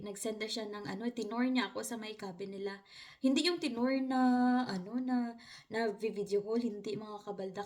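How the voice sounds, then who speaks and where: A woman with a Filipino accent chats to her viewers in a relaxed storytelling vlog. Her voice sits a little high and sounds bright and sharp. She talks in a loose, friendly way and laughs often. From Philippines. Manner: chatty, laughs often, addresses viewers directly. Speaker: vlogger.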